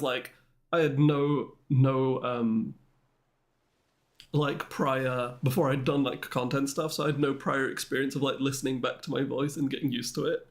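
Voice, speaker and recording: A man with a mid-range voice streams a game and chats loosely with his viewers. He rambles and makes fun of himself while answering the chat. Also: mid-range voice. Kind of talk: casual livestream chat with viewers.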